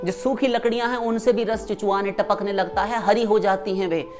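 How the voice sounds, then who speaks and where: A woman's voice: mid-range voice, fairly even intonation, moderate pace, a little mellow, lightly acted. A woman preacher voicing a young village wife who pleads and complains to her beloved. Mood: complaining.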